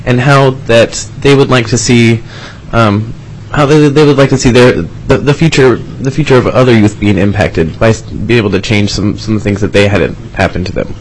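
At a legislative committee hearing, a man from Alaska gives testimony in support of a youth program, rambling and restarting often. His voice is mid-range at a moderate pace, captured in a rough recording with slight background noise.

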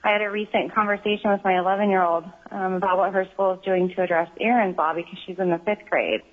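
A woman giving earnest, measured public testimony by phone, with frequent ums, her voice on a crackly line that keeps fading in and out. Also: mid-range voice, fairly even intonation. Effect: crackly phone line that fades in and out. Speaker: member of the public testifying at a hearing. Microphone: phone call-in.

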